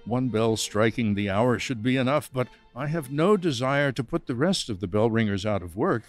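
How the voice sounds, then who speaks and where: An actor playing a stern, decisive king in a children's audio story, speaking in a commanding, measured way. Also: medium pitch, lively intonation, natural voice. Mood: firm. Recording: music under voice.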